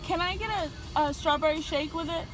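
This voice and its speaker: A woman's voice: extremely high pitch, normal speed, music in the background. A young woman vlogger sitting in her car, ordering food at a drive-through speaker in a polite, slightly hesitant way. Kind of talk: casual vlog chat.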